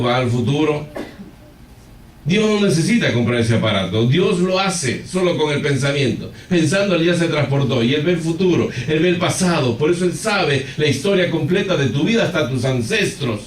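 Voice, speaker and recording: A man's voice: fairly high pitch, animated, normal speed. A man pastor preaching a sermon, telling a story with animation and speaking straight to the congregation. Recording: echoey hall, far from the mic.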